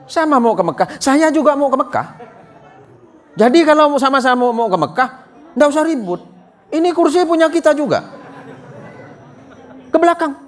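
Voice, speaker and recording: A man's voice: very high-pitched, sing-song, normal speed, pauses often, a faint crowd, voice pushed up. A man voicing a stubborn old male villager with a Madurese accent, who argues and will not give way. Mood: insistent. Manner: insistent, argumentative.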